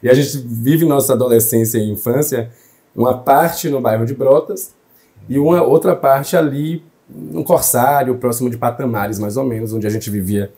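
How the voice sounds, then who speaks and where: A young man from Salvador, Bahia, Brazil, a journalist appearing as an interview guest, tells his story fluently and reflectively. His mid-range voice has a dark tone and moves at normal speed.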